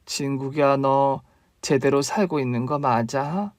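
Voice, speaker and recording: A man voicing a sick, elderly mother who pleads softly and slowly with her son in a story radio drama. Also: medium pitch, no echo, clean studio sound, close to an everyday voice. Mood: pleading. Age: older. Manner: soft, slow, pleading. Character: frail sick elderly mother, sorrowful and tender.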